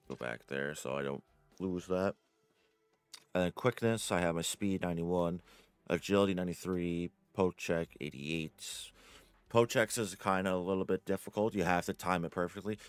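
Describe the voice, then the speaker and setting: A man's voice: deep voice, clear, resonant tone, no echo. A man giving a casual, rambling game tutorial from home, often correcting himself and filling gaps with "like" and "uh". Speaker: gaming guide creator. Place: home room.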